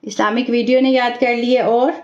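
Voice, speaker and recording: A woman teaching an online class, reciting each sound slowly and carefully. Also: fairly high pitch, fairly even intonation. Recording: echoey dull room audio.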